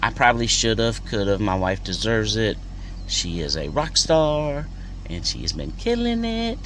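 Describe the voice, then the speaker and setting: A man's voice: on the low side, very animated, unhurried, fairly bright tone. Chatty man vlogging from his car. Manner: chatty, rambling, storytelling. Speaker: used car dealer and channel host. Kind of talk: casual vlog while driving. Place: inside a moving car. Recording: road and car noise behind.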